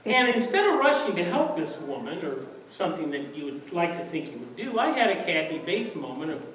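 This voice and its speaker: A man telling a comic story on stage, lively and laughing through his punchlines, recorded from far off in a large room. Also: a little high, brisk. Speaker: comedian. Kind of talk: stand-up storytelling. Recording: echoey hall from far off, noisy.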